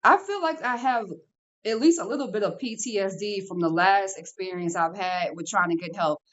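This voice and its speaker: A woman's voice: mid-range voice, moderate pace, lo-fi sound. A woman, a podcast guest telling a painful personal story in earnest, emotional words, with many fillers. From New Orleans, Louisiana. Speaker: podcast guest, app creator.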